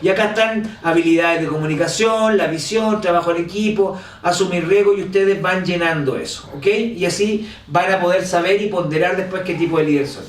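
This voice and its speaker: Chilean guy teaching an online class, kinda high voice, animated, sounds far from the mic in an echoey room. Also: a little fast, few pauses. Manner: animated, asks for agreement with "¿cierto?". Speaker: instructor. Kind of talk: online course lecture.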